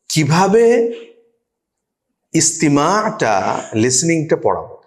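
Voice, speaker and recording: A man giving a teacher-training lecture, reading Arabic phrases aloud and explaining each one, with pauses and fillers. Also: fairly high pitch.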